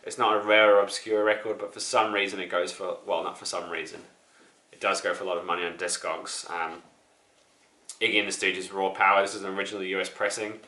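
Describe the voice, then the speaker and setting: Low-voiced man. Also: flat delivery, a little fast, bright, forceful tone, echoey room. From New Zealand. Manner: rambling, many fillers and restarts. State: out of breath, still sick. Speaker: record collector vlogger. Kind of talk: casual show-and-tell chat.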